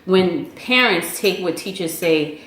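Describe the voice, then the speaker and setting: A woman's voice: fairly low pitch, expressive, takes it slowly, a bit bright. A woman giving parenting advice in a casual family chat, motherly and direct. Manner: motherly, advising, teasing. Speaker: parent and vlog host. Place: home room at a meal. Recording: echoey room with faint noise.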